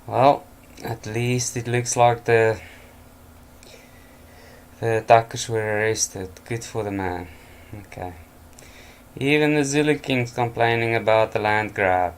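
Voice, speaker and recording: A man's voice: mid-range voice, slow pace, a little hiss or hum. A tired, yawning man reading out headlines at night and adding offhand remarks and chuckles. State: exhausted, yawning. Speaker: news commentator. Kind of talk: casual news commentary from home.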